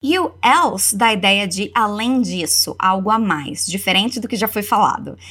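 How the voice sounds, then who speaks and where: A Brazilian woman teaching English, modelling phrases slowly for learners to repeat. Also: medium pitch, animated, a bit bright, husky. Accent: Brazilian Portuguese. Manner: slow, deliberate model pronunciation. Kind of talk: language lesson with repeat-after-me drills.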